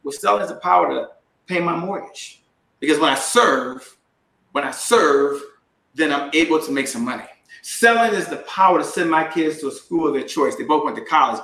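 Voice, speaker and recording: A man's voice: fairly high pitch, pushed and bright. A middle-aged man giving a motivational sales talk to a live audience, emphatic and drawing call-and-response from the crowd. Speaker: sales coach and speaker. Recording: echoey room.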